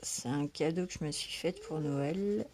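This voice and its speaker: A woman's voice: low voice, normal speed, a little mellow. A woman vlogging casually from home about her coloring, just woken up, talking hesitantly with lots of fillers. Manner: hesitant, many fillers, chatty. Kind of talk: casual vlog chat. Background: cat meowing.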